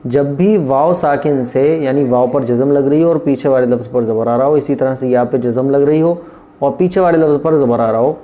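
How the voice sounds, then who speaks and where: A middle-aged male teacher explains a Quran reading lesson. His voice is soft and mellow at an average pitch. He goes over every rule again and again and recites letter drills at a slow, even pace. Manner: repetitive, patient, drills letters one by one.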